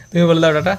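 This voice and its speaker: A man filming a casual home vlog, teasing and coaxing a child in a playful way, often repeating his words. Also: a little high. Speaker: vlogger.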